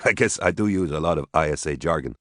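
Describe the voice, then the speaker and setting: A man voicing a calm, formal historian. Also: extremely low pitch, no room sound, studio quality. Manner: measured, precise, jargon-heavy.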